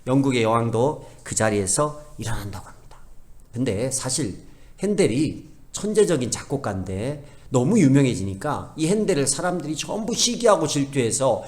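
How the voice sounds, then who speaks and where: A middle-aged male pastor preaching a sermon, swinging between loud emphasis and soft asides and acting out everyday family talk in quoted voices. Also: mid-range voice.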